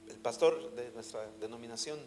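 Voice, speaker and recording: A man's voice: medium pitch, normal speed. A man preaching a sermon as a pastor, in an emphatic, fervent manner. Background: soft music.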